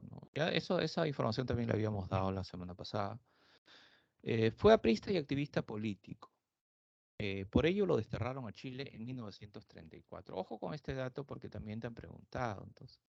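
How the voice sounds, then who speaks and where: A male literature teacher from Peru gives a conversational lecture, full of tag questions. His voice is low and gravelly. The recording is dull and dry, with a lo-fi sound. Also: darkish tone, dry recording.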